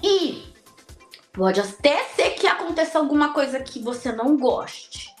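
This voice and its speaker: Animated, high-pitched woman. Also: measured pace, reverberant, faint music behind. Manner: animated storyteller, acts out quoted dialogue. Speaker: podcast guest. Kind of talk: casual interview chat.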